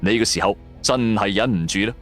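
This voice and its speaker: A storyteller with a Cantonese accent narrates a scripted first-person audio drama over background music. The man's voice sits on the low side and is a bit bright, and his brisk telling is casual and dramatic.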